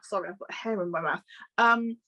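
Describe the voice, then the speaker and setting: A woman in her thirties answers questions in a relaxed, unhurried way. Her voice sits at a middle pitch, and she pauses with ums and small laughs as she thinks. She is talking over a video call. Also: rough recording. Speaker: guest. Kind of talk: casual interview chat.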